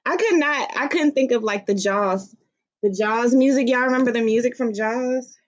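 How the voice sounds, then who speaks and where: A woman's voice: fairly high pitch, normal speed, lo-fi sound. A woman with a Southern US accent chatting casually and playfully on an informal livestream, recorded through a laptop's built-in microphone. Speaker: livestream host and author. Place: room at home, seated on beanbag. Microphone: laptop's built-in mic, no plugged-in microphone.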